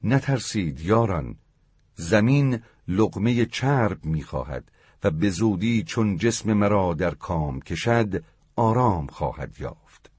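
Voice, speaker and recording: Brief: man voicing a dying old mystic; low, husky, dry, serene wit. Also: no room sound. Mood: wryly calm. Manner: calm, gently wry. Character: dying old male mystic, calm and wry.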